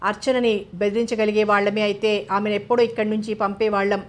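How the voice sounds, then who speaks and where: A woman's voice: medium pitch, flat delivery, quick pace, lightly acted. A woman reading an audio novel, voicing a scheming male villager who sounds worried and agitated.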